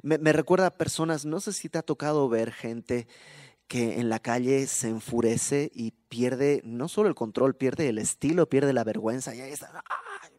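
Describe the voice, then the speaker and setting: A man's voice: medium pitch, moderate pace, darkish tone, no echo. Emphatic Mexican preacher man. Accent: Mexican Spanish. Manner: emphatic, conversational preaching with rhetorical questions. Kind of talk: sermon.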